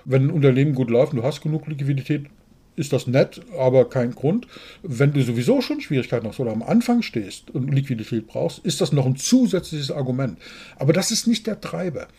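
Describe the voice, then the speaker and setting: Blunt, husky man. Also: mid-range voice, fairly quick. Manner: blunt, outspoken, animated storytelling. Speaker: business consultant, podcast co-host. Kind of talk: casual podcast conversation.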